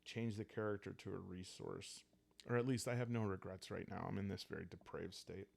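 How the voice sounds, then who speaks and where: Unhurried and hushed, a man narrates his solo roleplaying session and invents the story on the spot, pausing for drama. He has a low-pitched, slightly rough voice with vocal fry, recorded dry.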